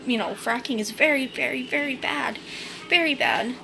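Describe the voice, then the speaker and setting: A tired young woman from New England hosts a casual live stream, speaking at a moderate pace in a high voice with vocal fry. She rambles and chats with lots of fillers and the occasional angry curse, over some background noise.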